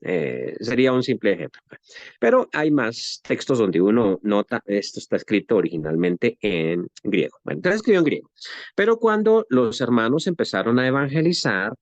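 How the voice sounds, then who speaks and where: Lively Guatemalan man teaching Bible class. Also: medium pitch, normal speed, dry recording, muffled recording. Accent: western Guatemalan Spanish. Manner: conversational, asks rhetorical questions and tags "¿no?".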